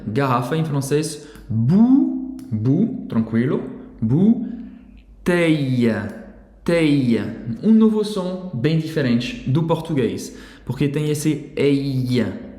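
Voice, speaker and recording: A man's voice: on the high side, very animated, slow, warm tone, soft background music. A man teaching pronunciation, demonstrating and stretching out sounds. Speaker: French teacher. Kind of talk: pronunciation lesson. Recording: echoey room.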